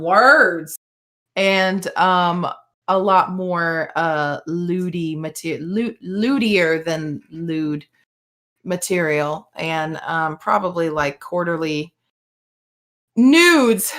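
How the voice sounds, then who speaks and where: A sleepy young woman guesting on a podcast late at night. She speaks slowly and haltingly, pausing to hunt for the right word. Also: on the low side, a bit bright. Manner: sleepy, halting, searching for words. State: tired. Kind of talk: late-night casual chat.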